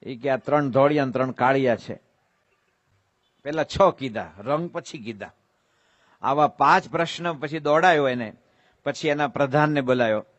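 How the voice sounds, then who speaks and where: A man's voice: medium pitch, normal speed, long pauses, fairly bright tone, dry recording, highs cut off. A man with a Gujarati accent giving a devotional sermon, telling stories, asking rhetorical questions and breaking into sung verses. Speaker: preacher giving a religious discourse.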